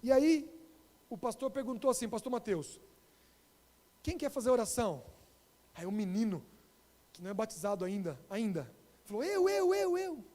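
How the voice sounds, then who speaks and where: Man, Brazilian Portuguese accent, pastor, storytelling sermon, warm voice, long church-hall reverb. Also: high voice, moderate pace, pauses often. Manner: animated, addresses the congregation directly.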